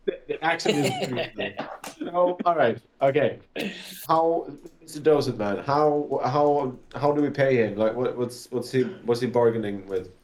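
Laughing Swedish-born player. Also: male voice, mid-range voice, a little slow. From Sweden. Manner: laughs often, stumbles and repeats words. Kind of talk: casual chat.

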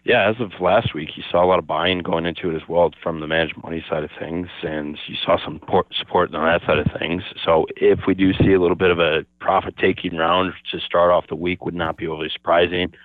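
A man speaking over the phone as a market analyst guest, giving steady, explanatory commentary and opening his answers with "yeah, so". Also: sits low, fairly quick, few pauses, no echo. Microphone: telephone. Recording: tinny phone line, dry.

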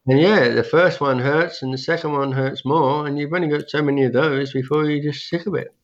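A man's voice: on the high side, fairly even intonation, brisk, lo-fi sound. An older man with toothless, slightly slurred speech, reminiscing casually as an interview guest. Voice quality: toothless, slurred speech from having all teeth out. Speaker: interview guest, veteran skydiving suit maker.

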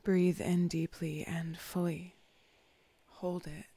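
A guide talks a listener through breathing and relaxation, much of it in a soft whisper. The delivery is unhurried and level, with a slight gravelly texture under the words. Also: medium pitch, no echo. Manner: soft, often whispered, slow and calm instructions. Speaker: meditation guide. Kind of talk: guided meditation.

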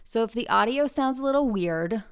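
A woman's voice: fairly high pitch, animated, normal speed, clear, resonant tone. Woman talking in a big echoey room. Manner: chatty and bubbly, jokey asides. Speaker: podcast host. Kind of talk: casual podcast chat. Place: huge high-ceilinged echoey room, alone. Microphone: portable travel microphone.

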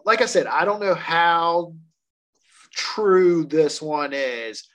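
Guy on a podcast, super animated voice, takes his time, giggly and excitable. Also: on the high side. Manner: excitable, laughs often, swears casually. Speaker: podcast co-host. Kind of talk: casual storytelling chat.

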